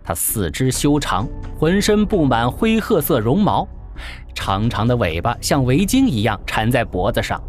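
A man narrating a science-fiction story in a theatrical, animated manner. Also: mid-range voice. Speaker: audiobook narrator. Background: faint background music.

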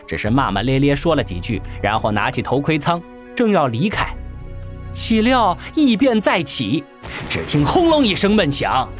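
Animated male audiobook narrator. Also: on the high side, moderate pace. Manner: animated, theatrical. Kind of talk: dramatic story narration. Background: faint background music.

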